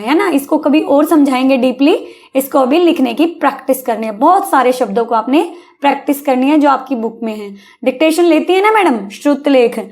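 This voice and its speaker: High-voiced woman teaching young kids. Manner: coaxing, repeatedly checking understanding with "है ना?". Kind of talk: explaining a Hindi exam paper to young pupils.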